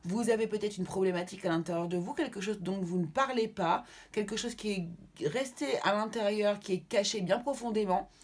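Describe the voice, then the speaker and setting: Husky-voiced woman giving a tarot reading. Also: mid-range voice, brisk. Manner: reassuring, checks in with listeners; affectionate sign-offs to viewers. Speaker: tarot card reader. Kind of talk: tarot reading addressed to viewers.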